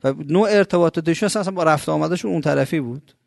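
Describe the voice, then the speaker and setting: A man preaching a colloquial religious sermon, asking his listeners rhetorical questions and swinging between loud, pressing emphasis and soft asides. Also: fairly high pitch, vocal fry, no room sound, clean studio sound.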